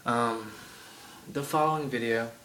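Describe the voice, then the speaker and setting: Recorded on an iPod camera, the audio is poor with a faint hiss or hum, and the man's medium-pitched voice sounds pushed and bright at a measured pace. He's a gaming vlogger with a thick Southern accent, chatting through a loose game rant packed with ums and asides.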